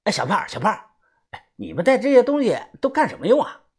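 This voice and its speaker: A man voicing a brash, playful young man in an audiobook, loud and teasing. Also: sits high, wildly swooping pitch, fast talker, breathy edge, voice pushed up, heavily acted.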